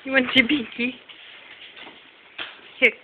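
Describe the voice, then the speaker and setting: A hoarse woman with a high voice chats and coaxes her baby at home, playful and teasing. Her voice is recorded through a phone, thin and tinny. Clear background noise sits under everything. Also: level tone, slow. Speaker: mother. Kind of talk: casual home video chat. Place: family home, indoors. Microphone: phone camera.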